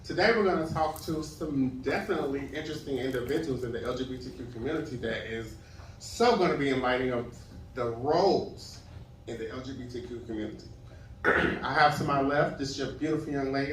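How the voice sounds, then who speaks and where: A man's voice: mid-range voice, a little hiss or hum. A man hosting a casual talk show and introducing guests in a loose way. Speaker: host. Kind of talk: hosting a chat. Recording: echoey room, far from the mic.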